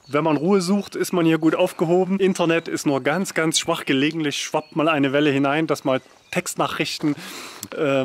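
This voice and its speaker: A middle-aged man talking to a handheld camera outdoors in a casual travel vlog, matter-of-fact and explaining with many fillers. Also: a little high. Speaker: travel vlogger. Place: outdoors, country lodge and foggy mountain. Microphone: action camera at arm's length.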